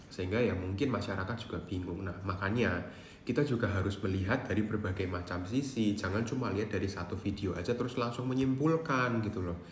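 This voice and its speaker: A psychologist talking casually to camera and explaining things calmly, sometimes acting out quoted feelings. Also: male voice, on the low side, roomy sound, a little hiss or hum.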